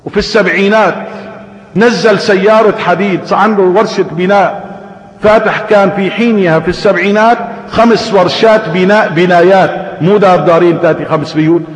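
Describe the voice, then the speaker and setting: A man preaching a sermon with a Syrian Arabic accent, telling stories animatedly and asking rhetorical questions. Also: high-pitched. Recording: echoey hall reverb.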